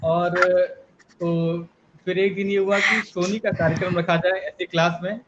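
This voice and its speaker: A man speaking slowly and respectfully as a guest over a bad video call connection that keeps cutting out. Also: high voice, steady tone. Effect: breaking up over a bad video call connection. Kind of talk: remote interview reminiscing. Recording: dull lo-fi call audio with faint noise.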